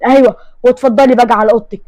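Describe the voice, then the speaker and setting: A woman's voice: on the high side, fairly even intonation, rapid-fire, darkish tone, no room sound, highs cut off, close to an everyday voice. Stern proud young Egyptian man, voiced by a woman narrator, commanding tone, dry close sound. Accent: Egyptian Arabic. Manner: firm, commanding.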